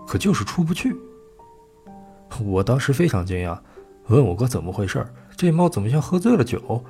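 A man reading a first-person story aloud as an audiobook narrator, in a measured storytelling manner. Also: medium pitch, a little mellow. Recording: faint music behind the voice. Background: faint music.

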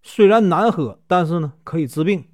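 A woman's voice: fairly low pitch, lively intonation, moderate pace, a little mellow. A man voicing a scheming young wife. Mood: coaxing. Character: scheming young woman poisoning her husband.

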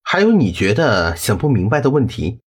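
A man voicing a calm, teasing young gentleman in an audiobook drama, asking pointed questions. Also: medium pitch, normal speed, breathy edge.

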